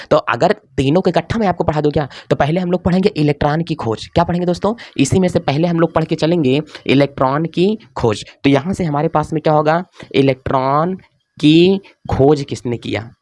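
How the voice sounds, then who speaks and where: Chatty Hindi-accented teacher, dry close sound. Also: male voice, a little high, a little mellow, no echo. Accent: Hindi, north Indian. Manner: chatty, repeats questions to students, coaxing. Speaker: chemistry teacher. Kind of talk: classroom lecture at a board.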